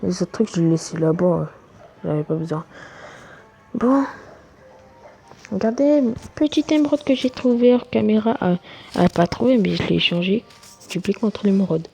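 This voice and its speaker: A gamer doing casual let's play commentary, reacting out loud and exclaiming in frustration at the game. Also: mid-range voice, animated, moderate pace, gravelly, long pauses, husky, faint music behind. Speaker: gamer commentating own gameplay for viewers.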